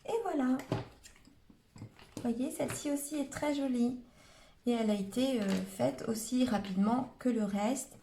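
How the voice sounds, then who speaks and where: A woman's voice: fairly high pitch, unhurried, gravelly, long pauses, warm tone, slight background noise. A woman with a Hauts-de-France accent, chatting her way through a live crafting demonstration and narrating each step as she works. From Hauts-de-France, northern France. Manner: chatty, narrates her hands-on steps with frequent "hop" and "voilà". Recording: roomy echo.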